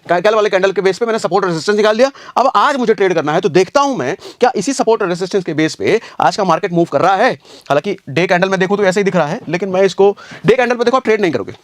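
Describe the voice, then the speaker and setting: A trading teacher with a voice that sits high gives a casual screen-share lesson, explaining each step, repeating his points through rhetorical questions and calling viewers brother. The studio sound is clean with no room sound.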